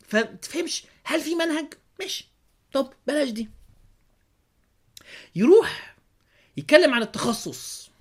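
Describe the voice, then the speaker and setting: An Egyptian Arabic-accented podcast host with an extremely high, animated voice delivers a religious commentary monologue. He speaks a little slowly, pausing often, and fills his talk with sarcastic rhetorical questions.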